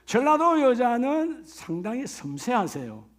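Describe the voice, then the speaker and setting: A man's voice: extremely high pitch, big pitch swings, measured pace. A middle-aged male pastor, preaching a sermon with rising exclamations and questions to the congregation. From Gyeongsang Province, Korea.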